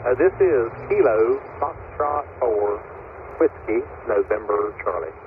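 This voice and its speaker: A man from central North Carolina, a ham radio operator answering a call in a courteous, measured on-air exchange, heard through a shortwave radio receiver whose signal fades in and out. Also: mid-range voice, lively intonation. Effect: heard through a shortwave radio receiver, signal fading in and out. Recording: tinny, noisy shortwave radio.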